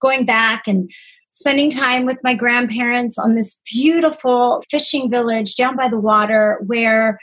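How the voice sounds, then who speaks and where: A woman in her 40s, a holistic nutritionist who was born in Greece and raised in the United States, tells her own story conversationally as a podcast guest. Her pitch is fairly high and her intonation fairly even, her pace a little slow and her tone a bit bright. The audio quality is poor.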